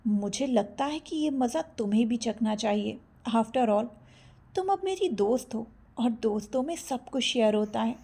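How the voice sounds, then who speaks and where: A woman's voice: a little high, animated, unhurried, creaky, dark tone, breathy edge, heavily acted. A woman voicing a teasing young male college student who stammers when caught out.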